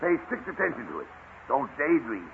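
A man playing a brisk, commanding businessman in a 1940s radio drama. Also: medium pitch, very animated, creaky, slight background noise. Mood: bossy. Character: bossy businessman giving orders. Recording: tinny old radio broadcast.

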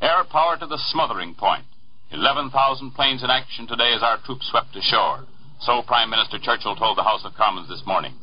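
An American man reading a wartime radio news bulletin in a formal, measured, emphatic 1940s newsreel manner, on a vintage radio recording. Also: mid-range voice, expressive, muffled recording, a little hiss or hum. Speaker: radio newscaster.

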